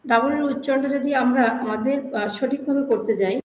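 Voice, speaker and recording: High-voiced woman teaching pronunciation. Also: reverberant, long reverb tail, slight background noise, poor audio. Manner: slow and repetitive, repeating sounds to drill them. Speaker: English teacher. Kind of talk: spoken pronunciation lesson.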